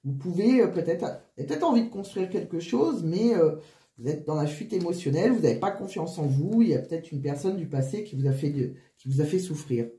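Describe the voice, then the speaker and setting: A woman giving a casual card reading, wheezy and short of breath with flu, halting and often restarting her phrases. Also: lowish voice, lively intonation, dark tone, echoey room. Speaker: tarot card reader.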